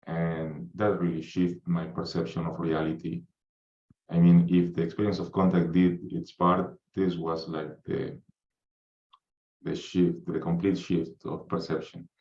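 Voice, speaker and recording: A man speaks in a low, even voice that barely rises or falls. He is a guest recounting his life slowly and haltingly, with frequent fillers. The remote audio sounds roomy and muffled. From Peru. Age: 50s. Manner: unhurried, halting, frequent ums and uhs. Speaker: podcast guest. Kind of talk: reflective personal account.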